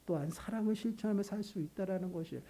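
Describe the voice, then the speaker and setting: A pastor giving a Sunday morning sermon, earnest and emphatic, repeating key phrases and building to loud peaks. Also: mid-range voice, fast talker.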